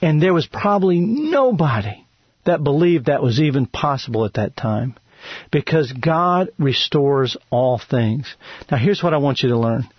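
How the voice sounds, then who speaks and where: A man's voice: a little high, lively intonation, a little slow, breathy edge, no echo, muffled recording. A man hosting a radio show, teaching from the Bible in an earnest, emphatic preaching style, lifting his voice to stress a point.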